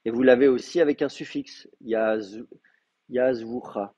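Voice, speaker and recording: Husky male teacher in a muffled classroom. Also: mid-range voice, steady tone, brisk, warm tone, no echo. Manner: hesitant, many fillers and restarts while explaining. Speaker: Hebrew teacher. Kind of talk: classroom lecture. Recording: muffled, dry classroom recording.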